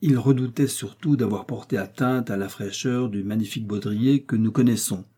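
Man narrating an audiobook, mellow husky voice, slow and deliberate. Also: lowish voice. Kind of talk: audiobook narration of a classic novel.

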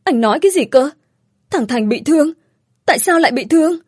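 A woman doing a shrill, scolding older grandmother. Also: a little slow, warm tone, slightly rough, no room sound, studio quality. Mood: alarmed.

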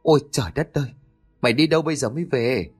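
A man's voice: mid-range voice, very animated, normal speed, faint music behind. A man reading a storybook, voicing a stern, strict elderly grandfather who barks his questions. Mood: gruff. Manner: gruff, demanding.

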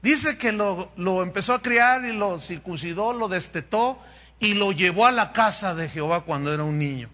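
Pastor telling a bible story, high bright voice, animated and funny. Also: male voice, normal speed. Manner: animated, humorous, acts out dialogue. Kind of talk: sermon storytelling.

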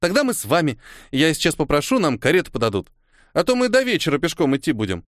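Man doing a pushy little girl, about eight, asking question after question in a squeaky high voice. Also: sing-song, no echo, clean studio sound. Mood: inquisitive. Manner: rapid, prying questions, high-pitched.

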